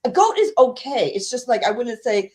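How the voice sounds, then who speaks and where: A Caribbean woman co-hosts a podcast, chatting casually at a normal pace. Her voice is fairly high and darkish in tone, and she sounds very animated, laughing often and repeating herself.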